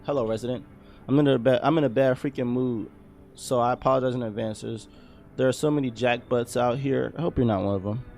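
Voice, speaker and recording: A man's voice: medium pitch, steady tone, brisk, gravelly, darkish tone, soft background music, lightly acted. A man voicing an angry, resentful male musician in a video game, grumbling his lines. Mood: bitter. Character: bitter angry male musician, fed up with everyone.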